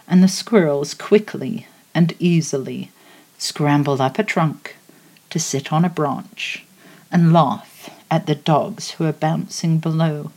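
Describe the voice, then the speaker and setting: A woman guides a relaxing visualization with a low, deep voice. She speaks very slowly and lets each phrase settle before moving on. The delivery is soothing and unhurried throughout. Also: warm tone. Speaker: meditation guide.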